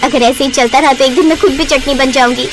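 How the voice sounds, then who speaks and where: A woman voicing a cheeky, sarcastic young bride in a cartoon story, full of quick quips. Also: high-pitched, steady tone, background noise, lightly acted.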